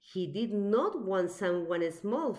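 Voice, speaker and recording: A children's picture book is read aloud by a woman with a mid-range voice, whose storytelling is both expressive and unhurried.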